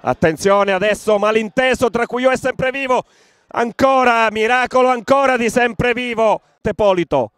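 A man giving excited, breathless football commentary that swells into drawn-out shouts. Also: very high voice, dry recording, studio quality.

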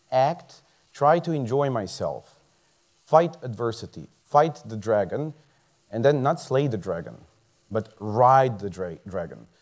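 Man, 30s, motivational stage talk, earnest, chuckling, big theater. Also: mid-range voice. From Croatia. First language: Croatian. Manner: lively and earnest, chuckles often, restarts words. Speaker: medical student giving a talk. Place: large dark theater stage.

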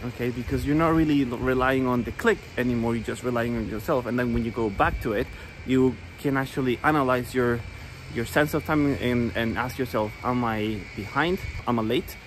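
There's a little hiss or hum on this recording of a man in his thirties with a mid-range voice. He's a saxophone teacher giving a casual lesson while walking a rainy street, speaking chatty and upbeat into a phone held at arm's length and repeatedly checking "okay?"

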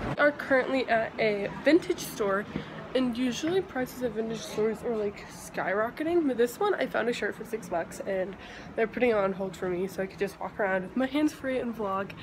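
A woman's voice: on the high side, animated, moderate pace. A woman vlogging casually on a handheld camera, rambling and joking at herself as she walks through public places. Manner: rambling, jokey, self-mocking. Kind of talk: casual vlog chat. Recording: busy crowd and street noise.

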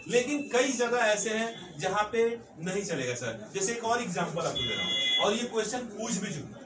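A man's voice: high-pitched, very animated, moderate pace. A man teaching an English grammar lesson, emphatic and repetitive, often adding "sir" as he drives his points home. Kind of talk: classroom-style grammar lesson. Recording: echoey room, mic far off, background noise.

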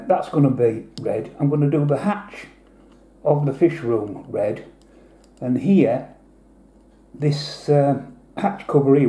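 A man's voice: medium pitch, warm tone, echoey room. A man giving a chatty, rambling hobby tutorial, explaining each step as he goes. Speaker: model painter. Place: indoor hobby desk.

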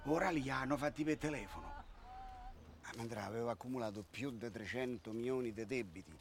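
A man's voice: mid-range voice, a little fast, natural voice. Wry middle-aged Roman swindler played by a man. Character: middle-aged debt-ridden swindler who faked his death. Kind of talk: film comedy acting. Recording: outdoor film sound, faint noise.

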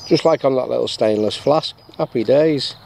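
A creaky, darkish voice at medium pitch and normal speed belongs to this middle-aged English bushcraft vlogger. He shows off his gear outdoors at a woodland camp in a casual, jokey way, asking and answering his own questions, recorded on an action camera on his chest or tripod with birdsong and faint outdoor noise.

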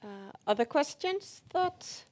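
A woman moderator in a seminar room with a high, unhurried voice. She keeps her prompts short and polite as she calls for questions and announces a break. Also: sing-song, a little mellow. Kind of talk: hosting a seminar.

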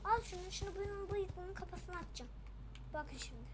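A woman commentating a horror game as she plays, often shouting at the character and repeating words. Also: very high voice, brisk, noisy background. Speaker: gameplay streamer. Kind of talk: excited gameplay commentary. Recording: loud game music behind.

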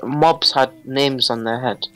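Teasing co-player, mid pitch, jokey exaggeration, faint music underneath. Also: a little slow, fairly bright tone, poor audio. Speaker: gaming friend. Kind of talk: casual game chat.

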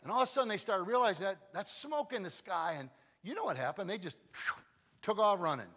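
A man preaching a sermon in an animated storytelling manner, his voice sitting a little high and leaping up and down in pitch. He swings between loud, driving moments and hushed passages as he tells the story. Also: fast, breathy edge. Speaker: guest pastor.

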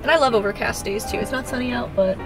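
A woman's voice: fairly high pitch, quick pace, over music, rough recording. A woman with a Midwestern accent, congested, chatting casually in a travel vlog and rambling with lots of fillers while filming herself on a phone. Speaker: travel vlogger. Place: car and around town.

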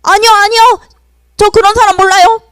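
A woman voicing an impulsive, tearful young fisherman who pleads in loud, high exclamations, told to children in a sermon. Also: expressive, unhurried, dry recording. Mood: panicked denial.

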